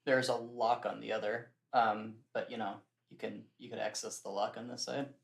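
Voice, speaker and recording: A young man running a tabletop game as game master, describing scenes in a relaxed way and laughing often. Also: on the low side, moderate pace, creaky, reverberant.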